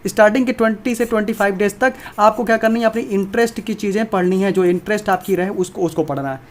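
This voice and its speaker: A man gives an informal exam prep lesson on video at a rapid pace. He is emphatic and repeats his points, speaking straight to his viewers. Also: high-pitched.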